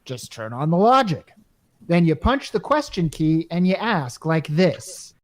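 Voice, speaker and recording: Playing Caldwell in a radio play, a performer takes on a brash, exasperated working-class salesman full of slangy, wisecracking patter. The mid-range voice is sing-song and unhurried.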